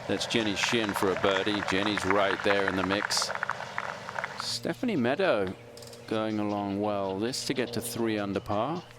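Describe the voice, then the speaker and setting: A man's voice: fairly low pitch, a little slow. A man commentating live on a golf tournament as a broadcast announcer. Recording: very noisy outdoor sports broadcast. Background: loud outdoor ambience.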